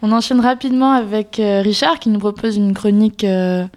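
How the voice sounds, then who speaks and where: A woman's voice: medium pitch, fairly even intonation, brisk, darkish tone. A woman hosting a radio show, upbeat and teasing her co-hosts. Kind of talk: casual radio chat.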